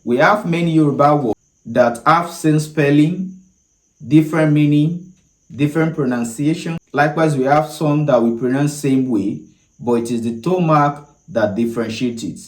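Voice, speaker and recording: A man with a Nigerian accent gives an instructional lesson as a language teacher, with deliberate, formal phrasing. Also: on the high side, roomy sound, poor audio.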